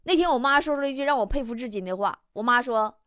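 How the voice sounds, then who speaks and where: A woman hosting a comedy talk show, telling jokes in a lively way and acting out the characters. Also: fairly high pitch, quick pace. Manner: lively, acts out characters, laughs at own jokes. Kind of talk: comic joke-telling monologue. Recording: noisy recording.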